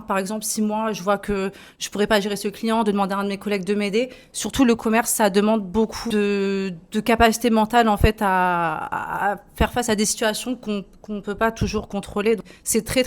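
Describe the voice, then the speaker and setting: A chatty woman answers questions about her sales job in a kitchen showroom. Her voice sits at an ordinary middle pitch and she talks casually, with plenty of hesitations and easy laughs. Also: steady tone, moderate pace, hardly any pauses. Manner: chatty, laughs easily, many fillers. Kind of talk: casual answers to young visitors.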